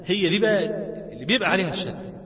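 Egyptian teacher with an echoey, muffled sound. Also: male voice, high-pitched, lively intonation. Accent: Egyptian Arabic. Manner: explains with rhetorical questions, chants verse lines slowly. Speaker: Quran recitation teacher. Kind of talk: Egyptian colloquial lesson on tajweed. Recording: echoey, long reverb, dull lo-fi sound.

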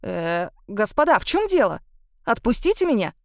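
A brash young Frenchman, as a woman reads him, quick with a joke and a grin. Her voice drops a touch for him, and the storybook read is close and dry. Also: medium pitch, clean tone, no room sound, natural voice. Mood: bewildered. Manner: brash, joking, lively. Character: cocky young Frenchman, cheerful then frightened.

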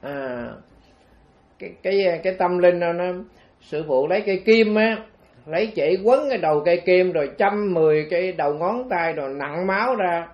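Male monk, Southern Vietnamese accent, rambling storytelling sermon, high voice, muffled lo-fi tape. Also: normal speed. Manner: chatty, meandering, frequent fillers. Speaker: Buddhist monk. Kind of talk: storytelling dharma talk. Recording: dull lo-fi recording.

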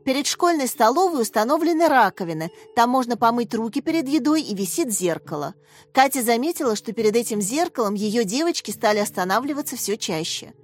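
A woman reading a children's story aloud in an expressive audiobook style, raising and brightening her voice for the characters' lines. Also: fairly high pitch, a little fast, soft background music. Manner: gives each character a slightly raised, lively voice. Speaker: audiobook narrator.

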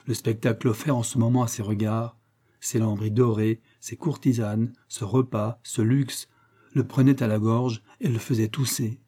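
Male audiobook narrator, warm mellow tone, measured literary reading. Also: mid-range voice, steady tone.

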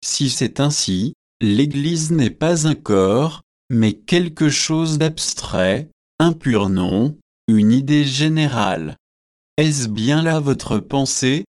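A man's voice: medium pitch, animated, slow pace, darkish tone. A man voicing a pompous young student who talks in a magisterial, preachy tone, in an audiobook reading. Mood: lecturing. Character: pompous young male Oxford student, lecturing.

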